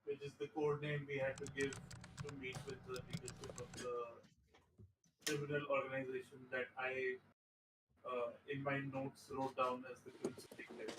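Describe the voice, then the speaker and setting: A man's voice: medium pitch, little pitch movement, moderate pace, roomy sound, recorded from a distance, noisy background. A man playing in a tabletop game who argues points and swears casually as he recaps. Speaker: player.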